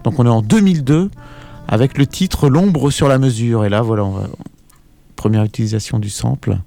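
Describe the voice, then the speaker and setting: A man presenting a relaxed, conversational radio music segment as columnist. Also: medium pitch, moderate pace, creaky, dry recording. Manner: relaxed, conversational, ends phrases with tag words. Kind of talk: radio music segment, casual studio chat.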